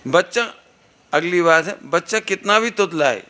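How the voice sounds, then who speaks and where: A man's voice: high-pitched, lively intonation, measured pace, bright, forceful tone. A middle-aged man preaching a sermon at a religious gathering on a microphone, earnest and instructive, asking the listeners rhetorical questions. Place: satsang gathering hall. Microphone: amplified microphone.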